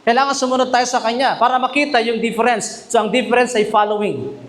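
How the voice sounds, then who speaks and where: High-voiced male pastor. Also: fairly even intonation, a bit bright. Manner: mixes English and Tagalog, often asks the congregation questions, reads verses slowly. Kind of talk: sermon. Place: church chapel.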